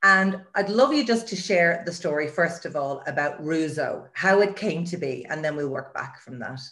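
A woman's voice: sits low, expressive, normal speed, a bit bright. A woman with an Irish accent hosting an interview in an effusive, encouraging way. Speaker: show host, mindset coach.

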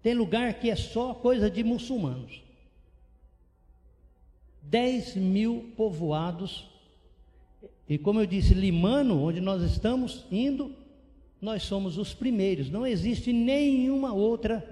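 A man preaching a missionary sermon with animated, repetitive emphasis. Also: sits high, slow, long pauses. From São Paulo state, Brazil. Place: church sanctuary. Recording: long church reverb.

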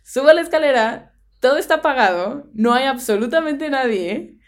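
A woman's voice: high voice, expressive, normal speed. A young woman with a Mexican Spanish accent, co-hosting a podcast and telling a spooky personal story in casual chat, dropping in English phrases. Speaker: podcast co-host.

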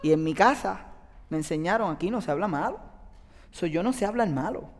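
This man's voice is high-pitched, and he talks a little fast. He's a youth pastor sharing a heartfelt, confessional testimony in sermon form, his storytelling marked by lively upward lifts. A large hall gives the audio a long, trailing reverb.

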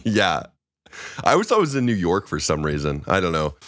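A young man co-hosting a podcast, easygoing and quick to laugh in casual conversation. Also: deep voice, big pitch swings, fairly bright tone, no echo, clean studio sound. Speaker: podcast co-host. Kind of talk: casual chat.

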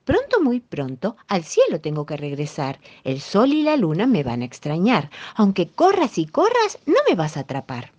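Woman doing a little grass star man, proud, sing-song chant, lively lilt, lo-fi sound. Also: on the low side, normal speed, hardly any pauses.

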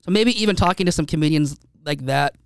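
A man's voice: on the high side, quick pace, creaky, clear, resonant tone, no room sound, studio quality. A man hosting a podcast, talking casually with many restarts and fillers. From United States. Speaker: podcast host. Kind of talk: casual chat. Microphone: studio microphone.

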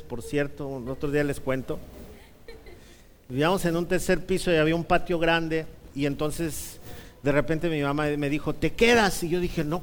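A man preaching a sermon, telling a childhood story with humor and rhetorical questions. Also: fairly high pitch. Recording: reverberant hall.

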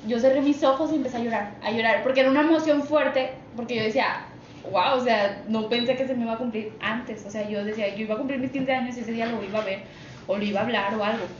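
A woman's voice: fairly high pitch, fairly even intonation, fast talker. A young Mexican woman with a Mexican accent telling a personal story on a podcast, emotional and chatty, laughing often. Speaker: podcast guest. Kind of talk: casual storytelling. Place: office. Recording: echoey office, muffled, noisy.

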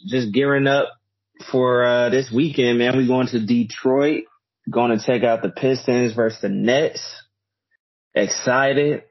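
A man co-hosting a podcast, telling rambling, relaxed stories over an echoey internet call. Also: medium pitch, a little slow, highs cut off. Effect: internet call audio with echo. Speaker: podcast co-host and DJ. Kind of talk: casual chat. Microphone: internet video call.

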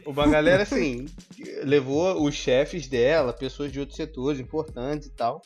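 A man's voice: fairly high pitch, measured pace, faint music behind. A man with a Brazilian Portuguese accent who speaks in a slightly raised voice. He chats in a loose, joking manner and tells his story casually. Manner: joking, laid-back banter. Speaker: podcast co-host. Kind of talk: casual chat, anecdote telling.

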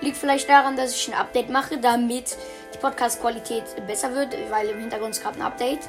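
A woman's voice: a little high, fairly even intonation, a little fast, music in the background. A teenage girl hosting a game recording in casual chat, brash and teasing, swearing often. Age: teens. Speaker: let's play host.

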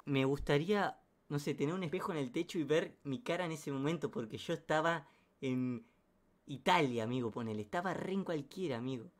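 A man with an Argentine Rioplatense accent telling a comic anecdote in a slangy, animated way, full of sound effects and asides. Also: a little high, brisk, slight background noise. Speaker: storyteller.

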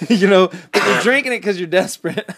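A man's voice: high-pitched, normal speed, a bit bright. A man co-hosting a casual gaming podcast chat, rambling and joking, laughing often.

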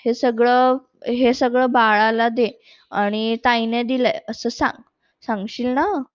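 A woman reading as a patient storybook mother who soothes and reasons with her child. Her speech is slow and fairly high, and the recording is dull and dry. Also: fairly even intonation, no room sound. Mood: gentle. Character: patient gentle mother of a small girl.

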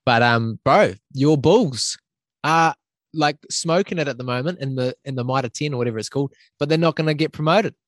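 A man's voice: mid-range voice, moderate pace, dry recording. A man from New Zealand with a New Zealand accent, hosting a podcast in casual Kiwi English sprinkled with Maori greetings and slang. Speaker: podcast host. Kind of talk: casual chat.

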